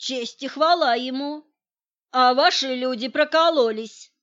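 A woman's voice: high-pitched, unhurried, a bit bright, muffled recording, pitched above the performer's own voice. A woman reading the lines of a stubborn man who refuses to share what he knows, indignant and defensive. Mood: defiant. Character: stubborn middle-aged man guarding his secret.

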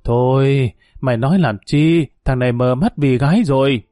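A man's voice: mid-range voice, normal speed, dark tone, no room sound, clean studio sound, lightly acted. A man voicing an older mother who scolds and grumbles bitterly.

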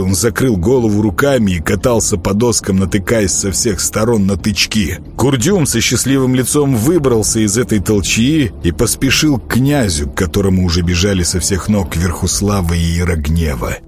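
A man narrating an audiobook in an expressive storytelling manner. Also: lowish voice, normal speed, few pauses. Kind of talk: scripted narration.

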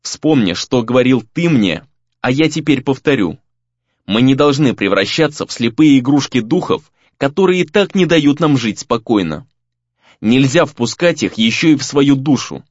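A man voicing a calm, steady young male spell-caster hero who speaks in a reassuring way in an audiobook. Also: medium pitch, moderate pace, no room sound, lo-fi sound, natural voice.

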